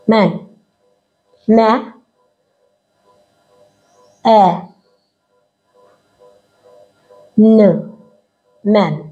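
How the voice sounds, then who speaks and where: A woman teaching English phonetics, sounding out words slowly syllable by syllable as she explains. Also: a little high, darkish tone. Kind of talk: slow classroom explanation. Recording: dull lo-fi recording.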